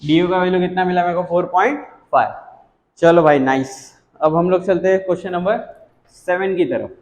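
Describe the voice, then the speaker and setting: A young male math teacher, slightly higher voice than most men. He talks through a lesson in a chatty, teasing, reassuring way. The sound is dull and lo-fi, in an echoey room. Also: steady tone, fairly quick, a little mellow. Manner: chatty, teasing, reassuring, works sums aloud. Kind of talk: casual whiteboard math lesson.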